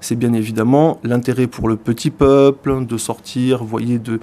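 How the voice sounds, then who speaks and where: A man's voice: mid-range voice, steady tone, normal speed, dark tone. A man giving a radio book review in speech, hesitant, full of fillers and repeated words. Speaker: radio columnist.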